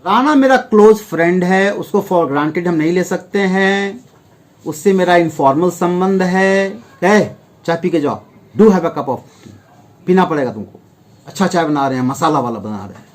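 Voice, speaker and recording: A man's voice: high voice, normal speed. A man with an Indian accent teaching an English grammar lesson, explaining step by step, asking the class questions and acting out small example dialogues. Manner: acts out little example dialogues.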